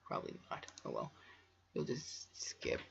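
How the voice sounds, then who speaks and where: An amateur fanfiction reader reads a story aloud, tossing in casual jokes, stumbling over words and rambling in a self-deprecating way. He keeps a measured pace, and the muffled lo-fi home recording has slight background noise.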